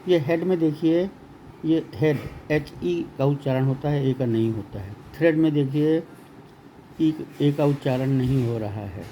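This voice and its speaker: A man teaching an English grammar lesson, speaking slowly and deliberately and repeating words for emphasis. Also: a little high, warm tone. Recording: dull lo-fi sound with faint room noise.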